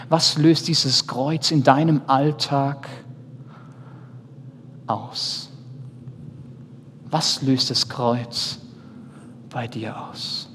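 A man in his thirties, a pastor, preaching a sermon earnestly, speaking straight to his listeners and shifting between loud and soft. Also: fairly high pitch, slight background noise. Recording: reverberant hall, faint ambience.

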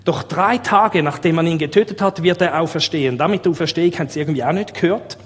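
Lively Swiss German man preaching. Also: on the high side, fast talker, in a large hall. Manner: lively, asks the audience rhetorical questions. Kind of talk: sermon.

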